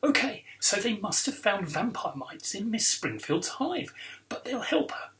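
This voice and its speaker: A man voicing a calm, firm young schoolgirl in a children's book reading. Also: high voice, measured pace, voice pushed up, exaggerated voice. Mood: reassuring. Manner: reassuring, firm.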